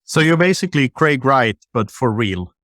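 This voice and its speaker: A male podcast host talks casually, laughs often and fills gaps with plenty of fillers. His voice is mid-pitched. The recording is dry and close to the mic. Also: lively intonation, normal speed, a bit bright, no echo. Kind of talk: casual chat.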